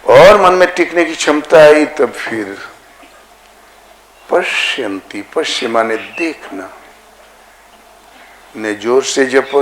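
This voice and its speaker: A man giving a devotional discourse as a spiritual teacher, slow and deliberate, drawing out chanted syllables. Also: medium pitch. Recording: echoey room with faint ambient noise.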